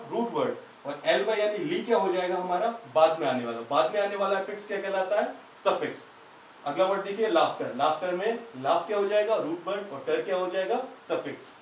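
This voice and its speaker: A man's voice: high-pitched, a little hiss or hum. A man teaching English grammar in Hindi, patiently asking questions and answering them himself. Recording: echoey room, far from the mic.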